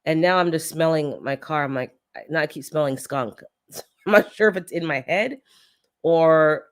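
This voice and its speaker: Hosting a laid-back gardening livestream, this woman speaks in a low voice at a moderate pace, sounding a little stuffy and congested. She's a chatty storyteller who laughs often, swapping tales and greeting viewers in the chat by name.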